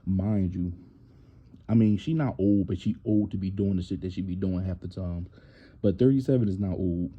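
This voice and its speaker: A man's voice: deep voice, normal speed, dark tone, slightly rough, lo-fi sound. A man hosting a casual reality TV recap, blunt and opinionated, livening up when he quotes people.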